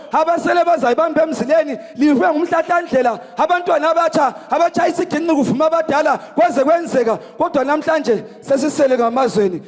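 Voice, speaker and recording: A man reciting praise poetry in a forceful, declaiming manner, calling out lines in bursts. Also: extremely high pitch. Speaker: praise poet. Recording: echoey hall.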